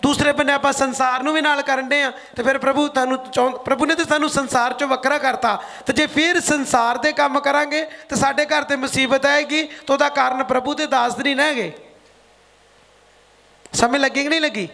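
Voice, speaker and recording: A man's voice: very high-pitched, steady tone, fairly quick, vocal fry, bright, forceful tone. A man with a Punjabi accent preaching a sermon as pastor, often putting rhetorical questions to the congregation.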